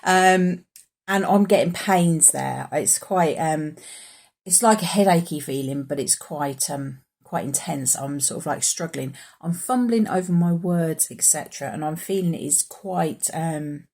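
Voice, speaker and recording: A woman's voice: low voice, a little slow, a little mellow. A woman chatting casually in a spiritual vlog and pulling oracle cards, rambling with fillers and restarts. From United Kingdom. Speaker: spiritual oracle card reader.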